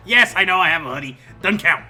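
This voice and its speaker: A man's voice: a little high, expressive, fast talker, pushed and bright. A man giving casual, sardonic commentary while playing a video game. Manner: sardonic, swears, laughs at the game. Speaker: let's play host. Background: faint game music.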